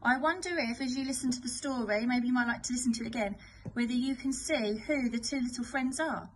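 A woman teacher reading a picture book aloud to children, expressive and gentle. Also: on the high side, brisk, slightly rough, low-quality recording. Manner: expressive, sing-song, gentle.

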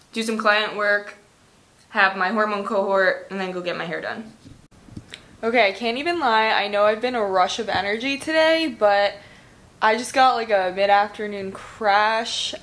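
A woman's voice: medium pitch, a little hiss or hum. A young woman talking casually to her phone camera in a vlog, chatty, with lots of fillers and the odd swear word. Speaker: vlogger. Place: gym, then at home.

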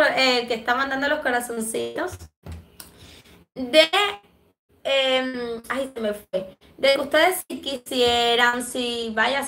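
A woman's voice: sits high, a bit bright, roomy sound. Chatty Cuban woman on a livestream. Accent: Cuban Spanish. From Cuba. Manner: chatty and affectionate, many fillers. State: throat-clearing from allergies. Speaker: livestream host. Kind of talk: casual livestream chat reading comments.

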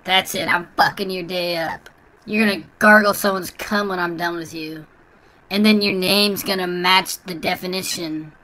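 A bratty little kid gamer who trash-talks and goads nonstop, a man putting it on through a voice changer. The filtered voice is bright and sharp-edged, with a faint hum of room noise behind it. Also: sits high, steady tone, normal speed. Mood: taunting. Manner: taunting, crude, goading. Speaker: prank gaming video host. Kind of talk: trolling voice chat during an online game.

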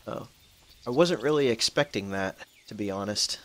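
This let's-play host, aged twenty-one, keeps up casual, rambling commentary on his game and curses at times at what unfolds. His voice is on the low side, at a moderate pace. His quieter words drop out, over faint background noise.

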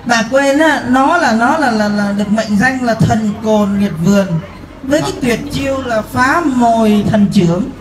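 A woman's voice: fairly high pitch, normal speed, reverberant, background noise, close to an everyday voice. A woman playing a teasing male neighbor who mocks the wife's drinking husband in a live comedy skit. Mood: mocking. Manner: dry, teasing, mocking.

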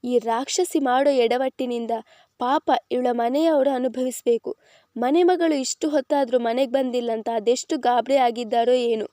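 A woman voicing a young man who talks quietly to himself. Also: a little high, fairly even intonation, normal speed, no room sound, clean studio sound, natural voice. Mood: muttering.

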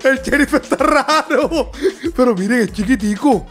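A man giving excitable let's-play commentary to his viewers, laughing and shouting often. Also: extremely high pitch, moderate pace, soft background music. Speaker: gaming YouTuber.

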